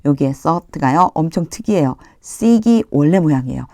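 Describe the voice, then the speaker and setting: A woman's voice: low voice, lively intonation, measured pace, warm tone, dry recording, clean studio sound. A woman teaching English through Bible verses, explaining each line in a chatty, encouraging way. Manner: chatty, encouraging, often opens lines with "자".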